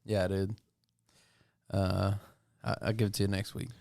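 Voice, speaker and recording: A man's voice: low voice, flat delivery, unhurried, vocal fry, a little mellow, no room sound, clean studio sound. A man co-hosting a casual podcast chat, laid-back and slangy. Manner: laid-back, says dude a lot. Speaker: podcast co-host.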